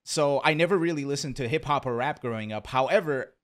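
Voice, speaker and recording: A man from Brazil, raised in rural Pennsylvania, speaking as a podcast guest in a relaxed, rambling way full of "like.". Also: medium pitch, a little fast. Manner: relaxed, rambling, heavy use of "like". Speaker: podcast guest, former musician. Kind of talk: casual podcast chat.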